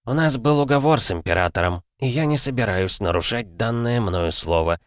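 A man's voice: medium pitch, animated, brisk, dry recording, clean studio sound, voice pushed up, natural voice. A man voicing a stern old clan head who speaks in a grave, commanding way. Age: older.

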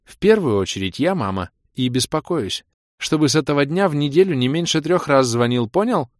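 A man puts on a fretful middle-aged mother, her voice lifted higher than a man's usual, pouring out anxious questions and nagging in a steady stream. Close and dry, as in an audiobook. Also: a little fast, no room sound, lightly acted.

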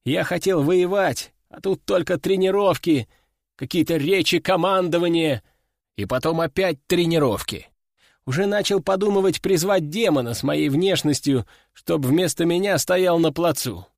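Male narrator, first-person audiobook, lively tone, slightly raised pitch, dry close mic. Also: moderate pace, gravelly, no room sound. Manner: lively, expressive storytelling.

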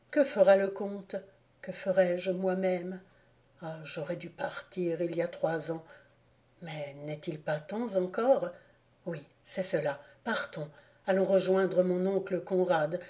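Woman reading anguished young man, soft, hushed, pleading, unhurried, mellow low voice, audiobook. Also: lightly acted. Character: anguished young man calling to his dead mother.

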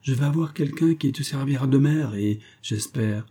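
A man's voice: medium pitch, normal speed, dark tone, husky, pitched above the performer's own voice, close to an everyday voice. A man voicing a frail, worried father who pleads tenderly with his daughter, in a read-aloud novel.

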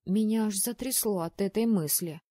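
A woman reading a first-person audiobook in a lively, expressive way. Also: medium pitch, moderate pace, no echo, studio quality. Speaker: audiobook narrator.

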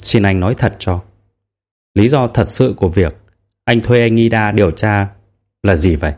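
A man voicing a middle-aged veteran police detective in an audiobook, speaking in a measured, quietly probing way. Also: on the low side, lightly acted. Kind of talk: audiobook character reading.

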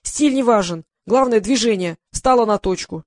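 A reader putting on an impatient male film director, loud and commanding, who barks one order after another. The voice sits a little above the reader's narration and comes through close and dry, with no room around it. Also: medium pitch, normal speed, no room sound, close to an everyday voice. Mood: demanding. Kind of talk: audiobook character voicing.

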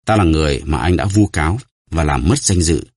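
A man's voice: extremely low pitch, lively intonation, a little mellow, no room sound, clean studio sound. Man doing a solemn, vengeful nobleman. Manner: grave, measured.

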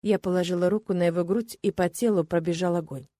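A woman reading a first-person romance audiobook in an expressive, ironic way. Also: fairly low pitch, fast, no room sound, clean studio sound. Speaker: audiobook narrator.

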